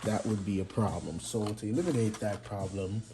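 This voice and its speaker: A man with a Jamaican accent giving a casual hands-on workshop tutorial, relaxed and chatty with plenty of fillers and restarts. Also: lowish voice, fairly quick, music in the background, rough recording. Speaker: mechanic demonstrating engine assembly. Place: home garage workshop.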